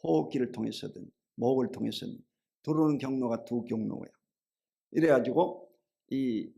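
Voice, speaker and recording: A middle-aged pastor preaches a sermon in a creaky voice, posing rhetorical questions and calling for amens. He tells homely stories in a chatty, colloquial style, swinging between loud and low.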